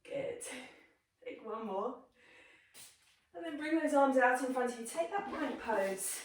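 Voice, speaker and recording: A woman's voice: sits high, expressive, unhurried, distant mic, a little hiss or hum. A woman leading a yoga class, giving encouraging, chatty instructions while demonstrating the moves herself. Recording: very echoey room, voice from off-mic.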